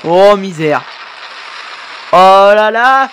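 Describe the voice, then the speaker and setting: A man hosting a casual video reaction, excitable, often swearing and exclaiming at the screen, with frequent hesitant fillers and self-corrections. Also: high-pitched, drawn-out words, a little hiss or hum. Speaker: YouTube reaction host.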